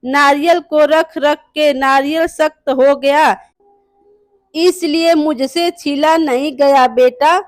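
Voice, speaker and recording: A woman's voice: high voice, fairly even intonation, takes it slowly, no room sound. A woman voicing a scolding mother-in-law. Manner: scolding, impatient. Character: bossy harsh mother-in-law, middle-aged woman.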